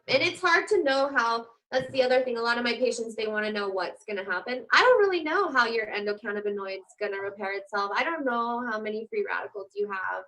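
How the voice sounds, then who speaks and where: A woman in her forties chatting casually and telling animated stories, acting out the voices of people she quotes. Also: a little high, a little fast, hardly any pauses, a little hiss or hum, low-quality recording. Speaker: guest host. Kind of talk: casual chat.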